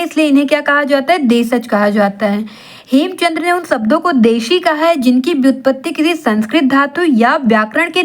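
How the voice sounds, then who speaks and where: A woman tutoring for an exam in Hindi, asking rhetorical questions and answering them herself, mixing in English terms. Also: high voice. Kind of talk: classroom-style exam lesson.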